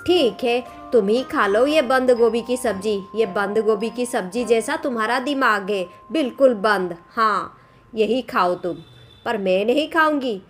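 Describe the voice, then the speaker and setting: A woman voicing a bossy, quarrelsome older mother-in-law in a cartoon story, scolding and sharp-tongued. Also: on the high side, a little slow, close to an everyday voice. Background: background music.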